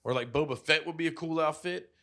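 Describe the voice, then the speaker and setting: A man with a little high, fairly bright voice talks at a quick pace while co-hosting a podcast. He's a rambling storyteller whose casual chat is packed with swearing and "like" fillers.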